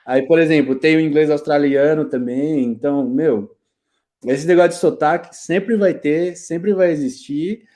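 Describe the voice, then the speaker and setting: A Brazilian man in his thirties with a fairly high voice, chatting on a video call. He tells his stories in a loose, slangy, animated way and laughs easily. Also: moderate pace. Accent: Brazilian Portuguese. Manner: lively storyteller, slangy, laughs often. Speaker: guest, IT specialist. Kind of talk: casual interview chat.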